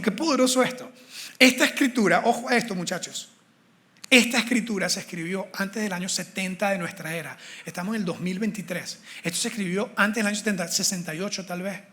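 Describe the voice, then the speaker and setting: A man preaching a sermon in an animated, conversational way, acting out scripture quotes. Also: high-pitched.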